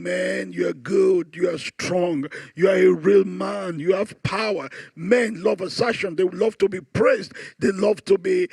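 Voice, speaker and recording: A man's voice: high voice, gravelly, slightly rough, no room sound. A middle-aged male pastor, preaching at a conference and acting out both sides of the stories he tells. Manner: animated storytelling, acting out both sides of dialogues. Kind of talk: conference sermon.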